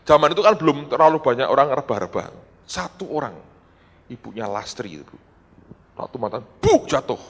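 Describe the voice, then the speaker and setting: A man's voice: medium pitch, a little fast. A middle-aged man giving a storytelling sermon as a pastor, talking straight to his congregation. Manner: storytelling, animated, acts out quoted dialogue; addresses congregation as "saudara". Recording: long hall reverb.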